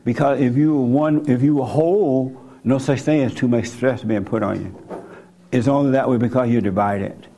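A man's voice: medium pitch, fairly even intonation, moderate pace, warm tone, slight background noise. A man leading a group as a spiritual teacher, speaking bluntly and colloquially while taking questions. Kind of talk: informal teaching with audience questions.

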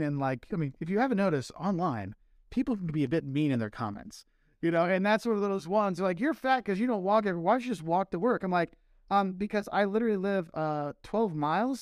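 An American marketing professor who also vlogs about travel tells stories in a casual podcast chat, animatedly acting out the voices he quotes. His voice sits high, with studio-quality sound and no echo.

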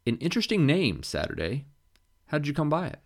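A man voicing a courteous, polished middle-aged lawyer who talks in a formal, smooth and reassuring way. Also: on the high side, wildly swooping pitch, brisk, voice pushed up.

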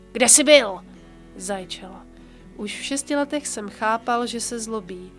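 A woman hosting a podcast reads a longer passage aloud in a calm, measured way. She slows down and grows quieter on the important lines. Her voice sits at a middle pitch, with soft guitar music playing faintly in the background. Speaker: podcast host and author. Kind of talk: reading a book passage aloud with commentary.

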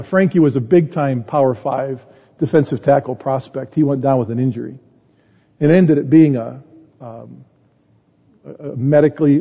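A man's voice: on the high side, dark tone, husky. A middle-aged male pastor preaching a sermon, telling stories in a conversational tone. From United States. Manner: storytelling with a conversational tone, voice rising when stressed. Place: conference hall. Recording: muffled conference recording in a reverberant hall.

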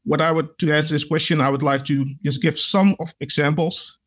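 An adult man from the Netherlands, a podcast guest, tells of his own experiences in a conversational interview, earnest and reflective, dropping many "like" fillers. His voice sits on the high side, with fairly even intonation and a brisk pace.

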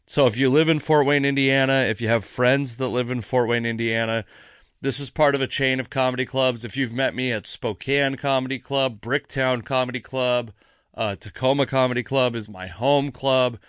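An American comedian who hosts a podcast, a little tipsy from a few drinks, talks by himself in a casual, rambling, self-deprecating way, with some swearing. His medium-pitched, fairly bright voice stays fairly even and smooth at a normal pace, captured in a dry, clean studio recording.

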